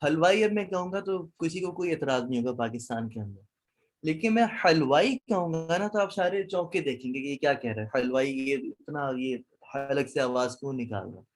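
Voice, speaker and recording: A man lecturing a class, quizzing students and mixing in English words. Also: medium pitch. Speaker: Arabic teacher.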